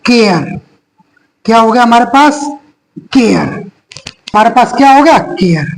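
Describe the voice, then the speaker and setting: A teacher giving a phonics lesson to young children, spelling words out letter by letter, asking a question and then answering it in a lower voice. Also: expressive, vocal fry, a little hiss or hum, poor audio. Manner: slow, repetitive drilling, spells out letters one by one.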